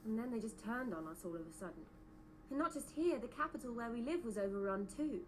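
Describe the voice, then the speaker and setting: Game role: earnest young heroine played by a woman, fairly high voice, sincere, faint noise behind. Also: animated, fast, natural voice, rough recording. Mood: troubled. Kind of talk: video game voice acting.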